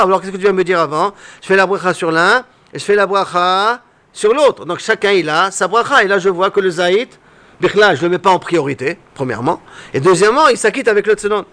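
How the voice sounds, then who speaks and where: Man teaching a Talmud lesson, higher voice. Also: fairly bright tone. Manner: explains step by step, asks rhetorical questions, checks with "d'accord?".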